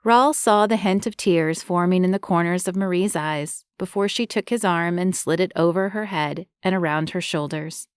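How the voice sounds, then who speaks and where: Female audiobook narrator, steady and even, slightly low, very dry booth. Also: normal speed, few pauses, smooth, no echo. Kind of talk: scripted narration.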